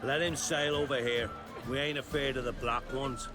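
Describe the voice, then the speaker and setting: A man's voice: medium pitch, steady tone, normal speed, music in the background, lightly acted. An actor playing a blunt, commanding male chieftain in a video game. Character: blunt, rough-spoken male island chieftain.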